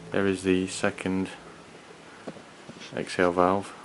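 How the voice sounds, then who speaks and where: Man, monotone, halting and rambling, casual product reviewer, some noise behind the voice. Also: deep voice, rough recording. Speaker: gas mask collector and reviewer. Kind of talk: unscripted hands-on product review. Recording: clearly audible background noise.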